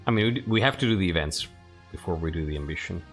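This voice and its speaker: Soft music plays as a man comments on a game he's playing, reading its text aloud and frequently repeating phrases. He speaks in a low, animated voice at a racing pace.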